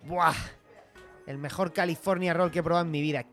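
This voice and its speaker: Brash fast-talking guy. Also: on the high side, fairly even intonation, over loud music. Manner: brash, says tío a lot. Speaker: sketch comedy performer. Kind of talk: comedy radio sketch.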